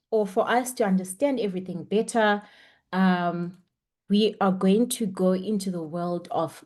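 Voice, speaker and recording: A young woman with a mid-range, slightly mellow voice teaches a webinar as an online lecture over a video call. She's chatty and encouraging and says "um" often, picked up by a computer mic.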